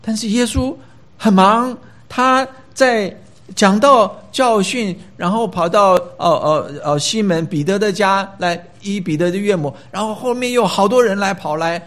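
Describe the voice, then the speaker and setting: Male pastor, slightly high voice, emphatic sermon delivery with scripture reading, hesitant fillers. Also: normal speed, fairly bright tone. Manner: emphatic, rising for stress, with frequent filler hesitations.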